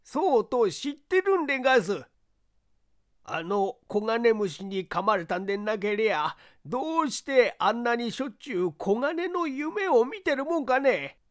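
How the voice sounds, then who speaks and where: A woman's voice: fairly high pitch, very animated, a little slow. A woman voicing a simple, earnest old male servant who talks in a thick rural dialect. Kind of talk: audiobook character reading.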